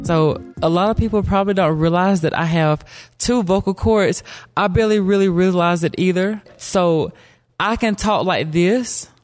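A man's voice: sits high, moderate pace, no room sound, faint music behind. A young man from South Carolina, telling a personal story in a casual, joking way and acting out quotes. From South Carolina, USA. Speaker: storyteller guest.

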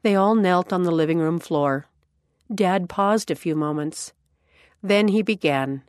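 A woman narrating a scripted story in a calm, measured way. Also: fairly low pitch, no echo, clean studio sound.

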